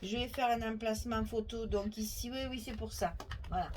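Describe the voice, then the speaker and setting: A woman's voice: a little high, steady tone, brisk, background noise. A woman with a Provençal French accent hosting a chatty, step-by-step scrapbooking tutorial, thinking aloud and correcting herself as she goes.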